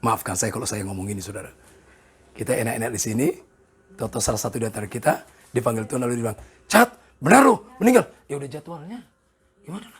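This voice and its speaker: A pastor in his sixties preaching a sermon, animated and joking with the congregation, with a gravelly, husky voice. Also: medium pitch, quick pace, pauses often. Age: 60s. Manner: animated, jokes with the congregation, voices people in quoted asides.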